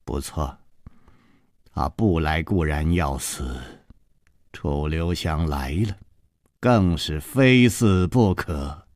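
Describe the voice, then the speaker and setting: A male storyteller voicing a ruthless, imperious palace mistress who speaks low, slow and half-whispered with quiet menace. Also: dry recording, studio quality, exaggerated voice. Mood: cold menacing.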